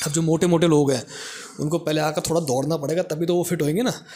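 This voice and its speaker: A man's voice: on the high side, fairly even intonation, fast talker, darkish tone. A young man giving a casual, joking walking tour of a college gym, speaking on a lapel mic. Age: young adult. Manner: chatty, joking, addresses viewers directly. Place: indoor college gym, medium-sized room. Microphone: clip-on lapel mic.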